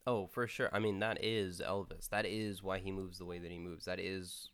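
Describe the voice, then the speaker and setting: A man chatting casually about a movie, emphatic and animated, with lots of filler words. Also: low voice, normal speed, smooth. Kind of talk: casual chat about a film.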